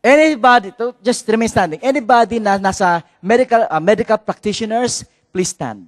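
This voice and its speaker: A Filipino priest delivers a sermon with a high, swinging voice that jumps all over its range. He shifts between Tagalog and English and keeps drawing in the congregation. The sound is close and dry. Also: moderate pace, dry recording. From Philippines. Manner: lively, mixes Tagalog and English, calls out to the congregation.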